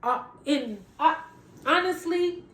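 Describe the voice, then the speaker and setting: Woman, podcast host, casual gossip commentary, high voice, roomy echo. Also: expressive, slow pace, a bit bright. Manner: chatty, retells arguments with hedges.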